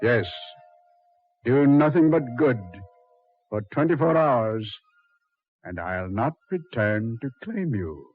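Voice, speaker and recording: A slow, mocking radio Satan. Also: male voice, mid-range voice, expressive. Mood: bargaining, amused. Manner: slow, deliberate, taunting. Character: Satan, mocking, bored, commanding lord of Hades. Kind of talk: 1940s radio horror acting. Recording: muffled 1940s radio recording with music.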